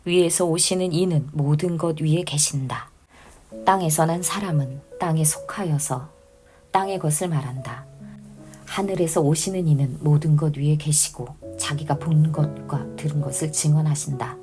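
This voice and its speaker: Low-voiced woman reading scripture. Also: moderate pace, dark tone, faint music behind. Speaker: Bible reader.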